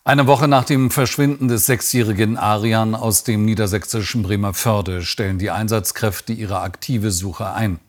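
A man reading a news bulletin in an even, measured way. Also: fairly low pitch. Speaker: newsreader. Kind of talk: read radio news bulletin.

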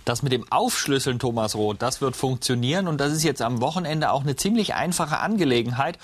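A man's voice: mid-range voice, fairly quick. Chatty man presenting the weather. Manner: lively, chatty explaining with map references. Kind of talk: broadcast weather forecast.

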